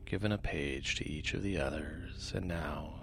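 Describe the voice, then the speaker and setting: Very deep, creaky male sleep story narrator. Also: moderate pace. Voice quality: soft, low, gravelly. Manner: hushed and calming, often trailing into breathy near-whisper. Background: music.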